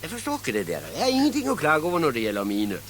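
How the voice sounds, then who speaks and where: An older man with a Southern Norwegian accent spins comic yarns in a lively voice that rises and falls. He keeps chuckling at his own punchlines and stumbles over restarts, with a faint hiss behind him. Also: a little high. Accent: Southern Norwegian, Kristiansand area. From Southern Norway. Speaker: storyteller. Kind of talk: humorous anecdote telling.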